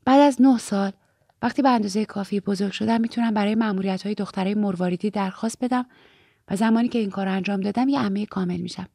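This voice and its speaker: An earnest, eager teenage girl, voiced by a woman reading a storybook aloud, confiding in a friend. The voice carries a gravelly, husky edge, and the sound is dry and close. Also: medium pitch, fairly even intonation, dark tone, dry recording. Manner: eager, confiding, drops to a whisper when fearful.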